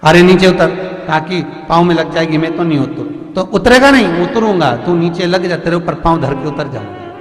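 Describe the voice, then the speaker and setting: A man's voice: a little high, fairly quick, lightly acted. A man voicing a cheeky, clever young boy in a devotional story, talking back in a teasing, defiant way, heard in an echoey hall. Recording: echoey hall with faint music.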